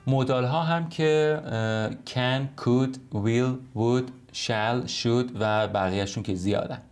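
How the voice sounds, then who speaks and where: In a home recording, a man with a mid-range voice teaches English online in Persian. His explanations are clear, and he takes the English example sentences slowly and carefully.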